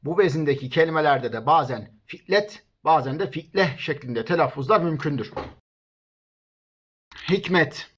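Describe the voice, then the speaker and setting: A man's voice: on the high side, fairly bright tone, husky. A man teaching a recorded language lesson, reading out lists of example words one at a time and speaking to his students as friends. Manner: reads word lists slowly, one word at a time; addresses listeners as friends.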